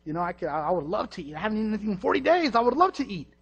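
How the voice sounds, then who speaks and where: Hungry calm Jesus, as a man voices him, plain musing talk, husky, lo-fi. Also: fairly high pitch, very fast. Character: hungry, weary Jesus reasoning calmly. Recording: dull lo-fi recording.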